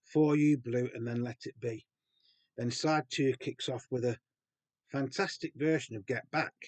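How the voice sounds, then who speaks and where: A man's voice: medium pitch, steady tone, a little slow, no echo. A man, in his fifties or older, chatting casually about a record from his collection, with frequent ums and restarts. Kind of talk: casual show-and-tell.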